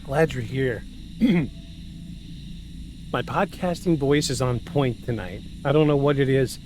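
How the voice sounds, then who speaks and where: A forties-aged man hosts a podcast, shifting between scripted narration and joking, self-deprecating casual talk. His mid-range voice is darkish and moves at a measured pace, with slight background noise.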